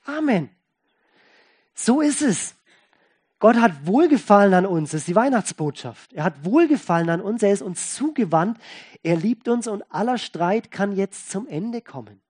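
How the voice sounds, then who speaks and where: A pastor preaching a sermon in a folksy, conversational way, stressing and repeating key words and swinging between loud and soft. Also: mid-range voice, expressive, moderate pace, breathy edge.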